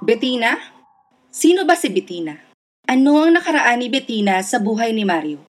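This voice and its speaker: A woman hosting and narrating a horror radio drama in a hushed, ominous delivery. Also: a little high, big pitch swings, moderate pace. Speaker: narrator and host.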